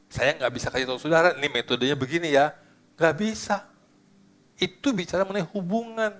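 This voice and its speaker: A middle-aged male pastor preaching, dropping into hushed, slow musing and rising to loud, high exclamations, with English phrases mixed in. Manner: slips into English phrases and sings softly. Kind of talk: sermon. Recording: faint guitar music behind.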